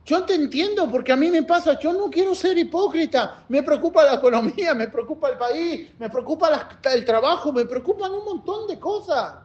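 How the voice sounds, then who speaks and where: A man preaching a sermon as pastor, impassioned and swinging between loud and soft. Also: very high voice, lively intonation, normal speed, few pauses. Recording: dull lo-fi sound.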